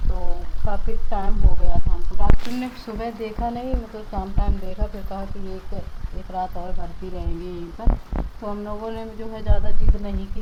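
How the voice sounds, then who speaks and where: A woman's voice: medium pitch, background noise. A woman talking casually in a home vlog, rambling with many fillers. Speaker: village vlogger. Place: rural home, rain outside.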